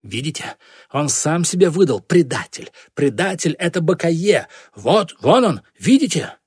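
A man's voice: mid-range voice, lively intonation, normal speed, breathy edge, no room sound, studio quality. A man voicing a stern, scheming boy who leads a village gang and accuses and threatens his troops. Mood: furious. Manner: commanding, accusing.

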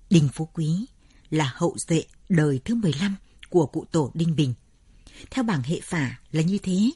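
Low husky woman narrating a story. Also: mellow, dry recording, studio quality. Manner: measured, dramatic storytelling.

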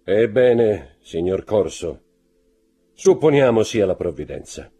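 A man's voice: fairly low pitch, big pitch swings, takes it slowly, warm tone, husky, voice pushed up, full character voice. A man reading an audiobook, voicing a cold, imperious nobleman who gives commands. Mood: coldly mocking.

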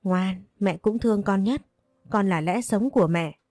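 A woman's voice: mid-range voice, unhurried, a little mellow, no room sound, lightly acted. Woman voicing a protective young mother. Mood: tearful.

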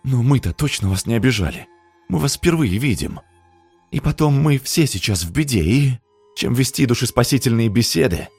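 A man's voice: mid-range voice, animated, normal speed, a little mellow, husky, no room sound, faint music behind, voice pushed up. A man doing a surly cynical young guy. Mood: snapping. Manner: sullen, snapping. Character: angry cynical young man, sullen and gruff.

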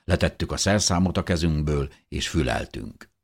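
A man narrating a first-person audiobook in an earnest, measured way. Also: extremely low pitch, expressive, creaky.

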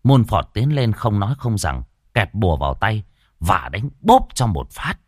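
Male horror storyteller, low voice, animated delivery, earthy and colloquial, dry close read. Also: normal speed, slightly rough, no room sound. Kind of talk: dramatic horror story narration.

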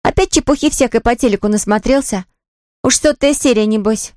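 Storybook teen girl: sarcastic older sister, bright and high, put on by a woman. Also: a little fast, dry recording, studio quality, natural voice. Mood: mocking. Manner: mocking, sarcastic. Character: teasing older sister, sharp-tongued.

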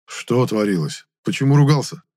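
A man voicing a cheerful, nosy young man in an audiobook, talking in a lively, teasing way. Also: mid-range voice, moderate pace, close to an everyday voice.

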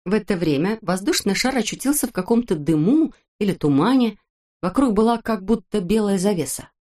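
A woman narrating a children's storybook in an even, clear storytelling manner. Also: medium pitch, brisk.

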